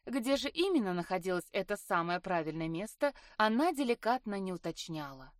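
A woman narrating a fantasy audiobook in a measured, even storytelling manner, recorded in a studio. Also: mid-range voice, no echo. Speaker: audiobook reader. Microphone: studio mic.

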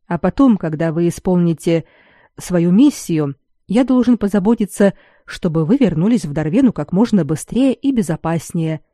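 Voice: mid-range voice, animated, normal speed, dark tone, no echo, clean studio sound, natural voice. A reader voicing a careful, deferential foreign spy. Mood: guarded. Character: foreign male commoner spy, calm and ingratiating. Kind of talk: audiobook character reading.

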